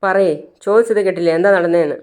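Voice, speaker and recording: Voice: mid-range voice, quick pace, darkish tone, lightly acted. Narrator reading Sachi, a firm young husband. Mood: insistent. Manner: pressing questions, firm. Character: protective young husband, insistent.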